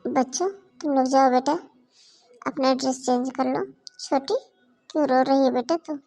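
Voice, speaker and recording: A woman's voice: high voice, fairly even intonation, normal speed. A woman doing a tired, sick young mother. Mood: weary. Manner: soft, tired, resigned. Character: sick, weary young mother, daughter-in-law. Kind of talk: Hindi cartoon moral story voice acting.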